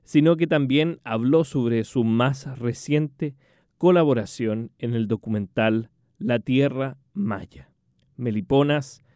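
A man reading a scripted introduction to a radio interview he conducted, in a measured way. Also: mid-range voice, a little mellow, no room sound, studio quality.

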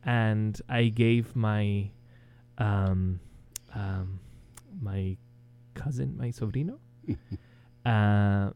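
Chilean male guest, non-native English, slow, clear voice, hesitant. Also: lowish voice. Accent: Chilean Spanish. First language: Spanish. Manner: hesitant, many ums and restarts, chuckles softly. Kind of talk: interview, casual chat.

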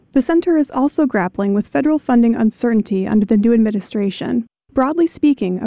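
This woman has a fairly high, mellow voice and sounds close and dry in the studio. She reads her scripted interview questions in a calm, measured way, as a radio host would. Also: no room sound. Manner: measured, clearly read questions.

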